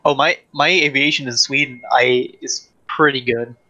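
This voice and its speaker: Streaming a tank game with a friend, a man chats casually, hesitant and flat, with lots of ums, fillers, and restarts. His voice is medium-pitched at a moderate pace, and the recording is rough.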